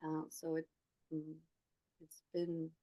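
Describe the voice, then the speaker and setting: A woman in her forties from Sweden, a guest telling her personal story in a soft, hesitant way with many pauses and restarts. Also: deep voice, monotone, rough recording. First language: Swedish. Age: 40s.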